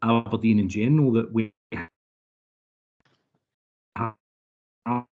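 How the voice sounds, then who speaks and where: A man's voice: lowish voice, fairly even intonation, takes it slowly. A man, a solicitor making a formal, persuasive submission to a licensing committee over a remote video call. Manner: persuasive, courteous, keeps addressing the panel formally. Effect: remote video call audio. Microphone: computer mic on a video call. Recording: dull lo-fi online call audio.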